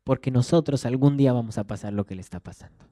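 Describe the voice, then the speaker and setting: A man's voice: mid-range voice, quick pace, dark tone, no room sound, clean studio sound. A young man in his twenties with a Rioplatense accent, preaching a sermon in a conversational way and often repeating words as he searches for the next one. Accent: Rioplatense Spanish. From Argentina.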